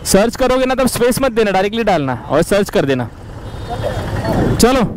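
A man's voice: high-pitched, very animated, normal speed, slight background noise, rough recording. A man riding a motorbike, vlogging as he chats with locals on a city street and urges viewers to subscribe. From India. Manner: chatty, upbeat, keeps urging viewers to subscribe. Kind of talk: casual vlog chat.

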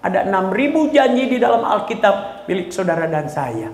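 Gravelly-voiced male preacher in an echoey hall. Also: sits high, sing-song, normal speed, a little hiss or hum. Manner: emotional preaching, builds to loud exhortation, mixes in English phrases. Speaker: pastor. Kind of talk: sermon with testimony. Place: church hall.

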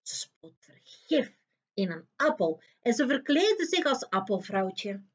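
Slow, lively woman reading a fairy tale. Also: fairly high pitch, husky, highs cut off. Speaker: storyteller. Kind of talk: fairy-tale read-aloud for children.

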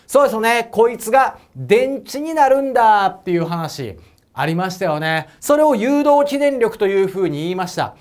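A man with an Osaka accent gives a physics exam lecture in a chatty, joking way. His voice moves lively up and down as he asks viewers questions and laughs at his own asides. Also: extremely high pitch. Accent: Osaka Japanese. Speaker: prep school physics teacher. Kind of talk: whiteboard lecture to camera.

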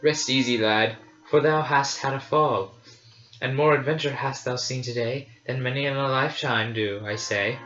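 Obi-Wan Kenobi, a man reading a gentle old knight. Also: medium pitch, close to an everyday voice. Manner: measured, gentle verse. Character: wise old male hermit knight, gentle. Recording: roomy, slightly dull, faint music.

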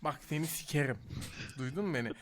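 A man's voice: on the high side, fast, a little hiss or hum. A man in his twenties casually reacting to a video, joking and swearing often. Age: 20s. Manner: foul-mouthed, swears often; animated, joking.

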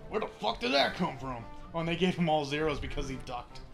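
A man's voice: fairly high pitch, very animated, fast talker, creaky, fairly bright tone, faint music behind. A young man hosting a let's play, joking and swearing freely in casual commentary.

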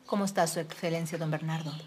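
Una actriz haciendo de madre colonial altiva y severa. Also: female voice, sits low, fairly even intonation, fast talker, darkish tone, slight background noise, natural voice. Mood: stern. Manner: haughty, scolding. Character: stern colonial mother, middle-aged woman. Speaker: mother of Mariana.

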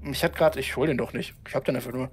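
A man's voice: medium pitch, fairly even intonation, quick pace, husky. A man chatting casually while playing a co-op video game. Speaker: gamer playing co-op. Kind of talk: casual gaming chat. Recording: loud game music behind the voice. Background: video game music and vehicle sounds.

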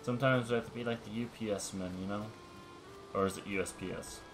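A man hosting a let's-play, explaining game mechanics step by step in a relaxed, casual way. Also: on the low side, fast. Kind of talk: casual gameplay commentary. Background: background music.

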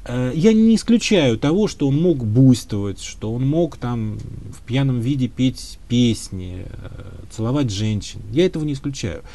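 Man talking history in an interview, mellow warm tone, lots of ums, careful and hedging. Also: medium pitch, lively intonation, normal speed, slight background noise. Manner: thoughtful, hedging, many filler sounds. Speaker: historian guest. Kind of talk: conversational interview answers.

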